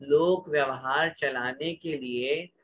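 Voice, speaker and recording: A man's voice: medium pitch, takes it slowly, fairly bright tone, a little hiss or hum. A man teaching a scripture lesson, reciting a sutra word by word and asking the class to repeat each phrase aloud.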